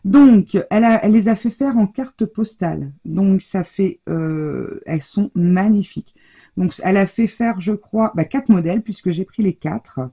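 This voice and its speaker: Captured by an overhead table camera, this woman talks at normal speed in a mellow, husky, medium-pitched voice. She runs a craft channel and is casually opening her mail at home, raving about each card amid frequent little fillers. The setting is her home craft room with the shutter half closed.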